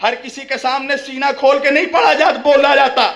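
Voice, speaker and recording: Speaking with passion at a mourning gathering, this religious orator has a high-pitched male voice with some vocal fry, mostly level intonation, and a moderate pace. He talks right to his listeners, tossing in rhetorical questions and a probing "hain?", and breaks into shouting at peak moments.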